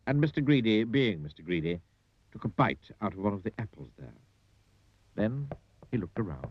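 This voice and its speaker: Male narrator for animated children's tale. Theatrical, extremely animated delivery, slightly dull older-sounding audio. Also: medium pitch. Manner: theatrical, drawn-out emphasis on words. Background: music.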